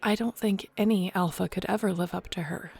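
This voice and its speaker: On the low side and fairly quick, this woman's gravelly, husky, darkish voice carries an intimate audio roleplay. She plays a young female werewolf shifter, nervous and affectionate, teasing as she prepares to become clan Alpha, the mood tender.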